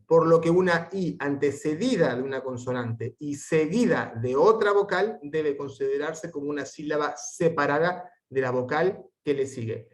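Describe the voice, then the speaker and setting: A man teaching an online Latin class, reading the text aloud and spelling out syllables and sounds slowly and carefully. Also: on the high side. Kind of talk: recorded online lesson.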